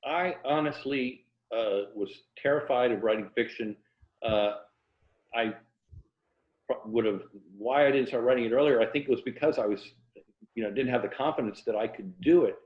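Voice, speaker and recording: An American fiction writer and former journalist from Florida talks casually as an interview guest about writing, telling stories in a reflective, self-deprecating way. He has an average-pitched voice and speaks at normal speed. The room is clearly echoey, and the audio sounds a little dull and lo-fi.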